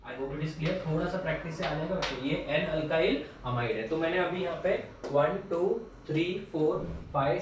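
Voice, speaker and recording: A male teacher at a chalkboard giving a chemistry lesson. He asks his students questions and answers them himself, mixing Hindi with English technical terms. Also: fairly high pitch. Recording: roomy and distant, faint background hum.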